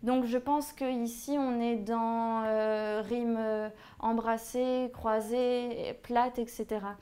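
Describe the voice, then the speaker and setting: Writing on a board while she speaks, a young woman leads an exam revision class in a fairly high, dark voice. Her pace is slow and her intonation fairly even, and she hesitates often, filling gaps with plenty of "euh."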